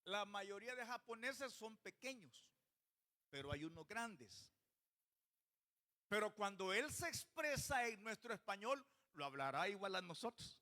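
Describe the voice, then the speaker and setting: A man's voice: high-pitched, sing-song, a little slow, bright, forceful tone. A male pastor preaching a sermon in church, often putting questions to the congregation.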